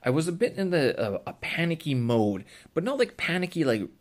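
A man's voice: fairly high pitch, sing-song, brisk. A man vlogging, casually recounting an everyday story in a rambling, self-interrupting way with chuckling asides.

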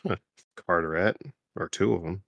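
A man's voice: low-pitched, moderate pace, creaky, fairly bright tone, no echo. A man co-hosting a podcast in laid-back, teasing, profane chat. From New Jersey. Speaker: podcast co-host. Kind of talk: casual chat.

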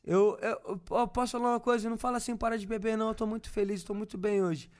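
Man, high pitch, tipsy, gushing, swears a lot, podcast guest. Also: fairly even intonation, quick pace, darkish tone. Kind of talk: casual chat.

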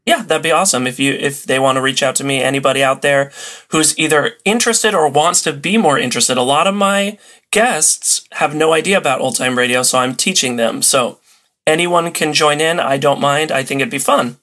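A man with a slightly high, slightly quick voice that sounds pushed and bright chats casually as a podcast guest. He's an old-time radio enthusiast, recounting things with amusement in a relaxed interview.

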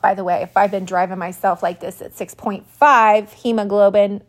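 A woman in her forties hosting a podcast, telling a personal story in a quick, animated, self-mocking way, a little out of breath. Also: mid-range voice. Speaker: podcast host. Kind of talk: personal monologue.

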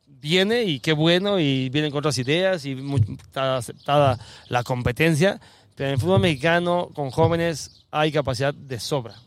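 A man with a slightly high voice talks in a casual chat. He tells stories with animation and laughs often. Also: moderate pace. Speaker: former footballer guest.

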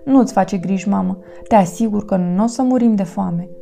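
A woman voicing a young, frightened male dinosaur in a storybook reading, with a raised, high voice. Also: vocal fry, mellow, faint music behind, close to an everyday voice. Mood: plain. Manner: high, crying out.

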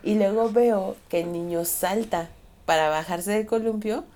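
A woman's voice: medium pitch, measured pace, warm tone. A woman with a Mexican accent, co-hosting a casual podcast, telling funny self-mocking stories and laughing as she goes. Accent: Mexican Spanish. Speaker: podcast co-host.

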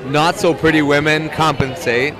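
Male podcast host, halting casual chat, busy market crowd behind him. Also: a little high, fairly even intonation. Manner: hesitant, restarts often, laughs a lot. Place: outdoor market bar, crowded. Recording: loud crowd noise around. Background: crowd chatter.

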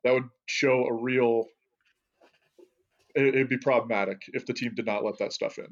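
A man's voice: mid-range voice, steady tone, normal speed. A man co-hosting a casual podcast, talkative and telling long anecdotes. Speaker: podcast co-host. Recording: slightly dull audio.

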